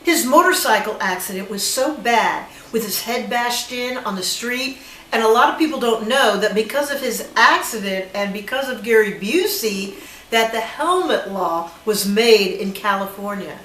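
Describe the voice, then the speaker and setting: A woman with a fairly high voice tells a story in a chatty, anecdotal vlog style, half amused and half incredulous. She is a bit away from the mic, and her voice rings in a roomy space. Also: lively intonation, normal speed, a bit bright. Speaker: independent filmmaker. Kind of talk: casual personal storytelling. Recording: roomy echo, voice from a distance.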